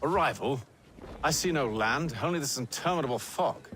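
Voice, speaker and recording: An actor playing a skeptical gentleman ship passenger in a video game, speaking in a formal, measured way. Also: medium pitch, lively intonation, slight background noise, lightly acted.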